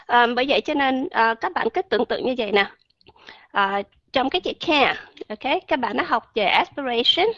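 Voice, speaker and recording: A woman's voice: fairly high pitch, animated, normal speed, fairly bright tone, dull audio. A woman teaching an online English pronunciation lesson, chatty and checking often on her listeners.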